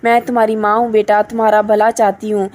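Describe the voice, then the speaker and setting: A woman narrating a recap of a TV drama episode as a reviewer, steadily retelling what each character says. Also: medium pitch. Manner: steady retelling of dialogue in reported speech.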